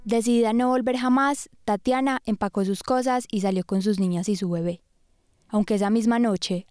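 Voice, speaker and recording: Woman, narrator, scripted documentary, measured, mellow voice, faint background music. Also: medium pitch.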